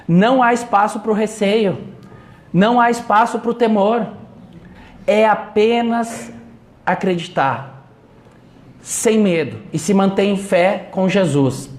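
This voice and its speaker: Male inspirational speaker, high voice, deliberate storytelling with long pauses; roomy echo. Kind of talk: inspirational religious talk.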